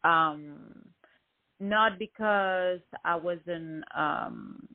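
A woman's voice: on the low side, drawn-out words, creaky. Hesitant woman musician on a phone line. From Lebanon, raised in France. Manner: hesitant, many fillers, casual phrasing. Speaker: musician guest. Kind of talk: interview. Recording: tinny phone-line sound.

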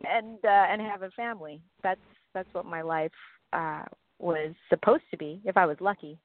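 A woman's voice: lowish voice, normal speed, no room sound. A woman guest from Africa, chatting and laughing easily in an interview. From South Africa. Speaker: actress guest. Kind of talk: casual interview. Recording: dry tinny phone line.

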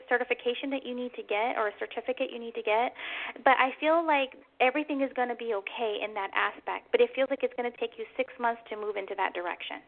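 Female psychic medium host, high pitch, comforting delivery, slightly dull lo-fi call sound. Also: vocal fry. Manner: soothing, reassuring, with endearments like "hon". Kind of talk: psychic reading for a caller.

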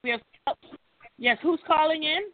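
A woman's voice: sits high, animated, a little slow. A woman hosting a call-in talk show, heard over a phone line, upbeat and encouraging as she greets callers. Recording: tinny phone line with faint hiss.

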